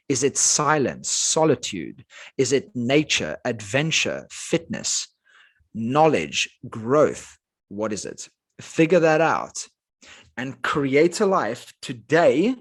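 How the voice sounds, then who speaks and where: A man with a South African accent, whose first language is Afrikaans, is a life coach guest on a podcast interview. His medium-pitched voice gives an energetic, emphatic motivational talk.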